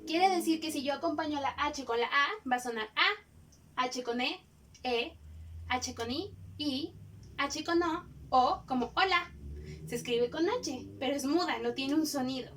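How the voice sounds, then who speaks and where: A woman teaches letter sounds to young children. She speaks slowly and draws out each sound with care, in a high voice. Her voice comes from a little way off the microphone. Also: fairly bright tone, distant mic, slight background noise. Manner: slow, clearly drawn-out letter sounds. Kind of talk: phonics lesson for young children.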